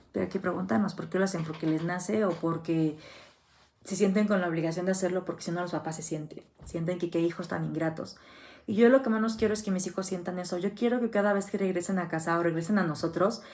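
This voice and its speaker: A woman's voice: medium pitch, a little mellow. Earnest Mexican woman, podcast reflection. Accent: Mexican Spanish. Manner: earnest, anecdotal, acts out quoted dialogue. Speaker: thanatologist and podcast host.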